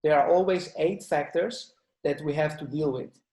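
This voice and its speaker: A man's voice: on the high side, moderate pace, dark tone. A man who grew up in the Netherlands, a dental technician giving a webinar lecture in a plain manner and often restarting words. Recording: roomy echo.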